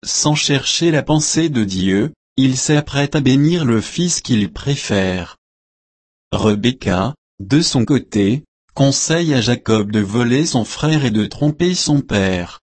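A man reading scripture and then giving devotional commentary in a measured, solemn way. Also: medium pitch, animated, dry recording. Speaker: Bible reader and commentator.

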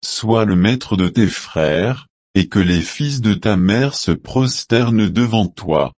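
A man reading as old Isaac, deep and solemn. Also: lively intonation, slow pace, darkish tone, dry recording. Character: old blind father blessing his son.

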